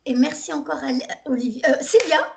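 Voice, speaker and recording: A woman host introducing a guest speaker, pausing with fillers. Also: sits high, lively intonation, vocal fry, noisy background.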